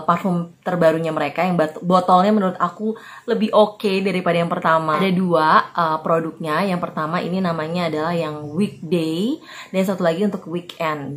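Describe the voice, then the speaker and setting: A woman's voice: on the low side, slight background noise. Chatty young woman reviewing perfume. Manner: chatty, informal, many fillers. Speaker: perfume reviewer, channel host. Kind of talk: casual review vlog.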